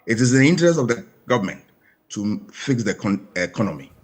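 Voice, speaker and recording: Husky Ghanaian man, emphatic. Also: fairly low pitch, very animated, fast talker. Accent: Ghanaian English. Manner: emphatic, rhetorical questions. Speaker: panel guest. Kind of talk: studio panel commentary.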